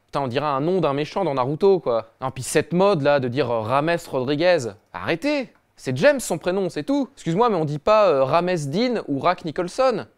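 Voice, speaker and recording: A man's voice: a little high, sing-song, a little fast, hardly any pauses, smooth. A man hosting a satirical football comedy show, cocky and slangy, swearing often. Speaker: host.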